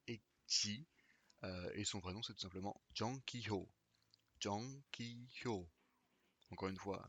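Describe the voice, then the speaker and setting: A man hosting a pronunciation video, slowly repeating each name with care in a scripted teaching monologue. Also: on the low side, creaky, sharp tone, slightly rough, no echo. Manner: slow, careful repetition of names.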